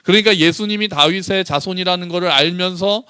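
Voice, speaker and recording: A male pastor giving a sermon, asking his congregation questions and slowing down to read scripture aloud together with them. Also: high-pitched, bright, forceful tone, smooth, dry recording.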